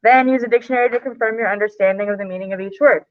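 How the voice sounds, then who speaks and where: A woman leads a live classroom lesson, walking students through the work in a casual, chatty way. Her voice sits fairly high. The sound is dry and tinny, like a phone line. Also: very fast, dry recording. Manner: casual, chatty, explains step by step. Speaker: teacher.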